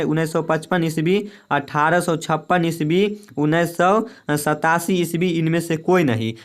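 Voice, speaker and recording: Clear-voiced young man drilling quiz answers. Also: fairly high pitch. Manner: repetitive, drilling each answer with "remember it well". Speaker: exam-prep teacher. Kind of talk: quiz lesson reading questions and options.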